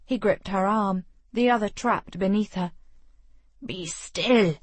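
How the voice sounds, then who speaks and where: A woman narrating a historical romance audiobook in a measured, steady storytelling voice. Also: mid-range voice, no room sound.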